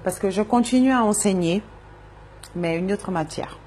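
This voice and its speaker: A woman's voice: medium pitch, moderate pace, a little mellow, a little hiss or hum. A woman from Brazil, a native Portuguese speaker, interviewed on radio as a Zumba and wellness coach, talking thoughtfully and repeating words as she searches for them.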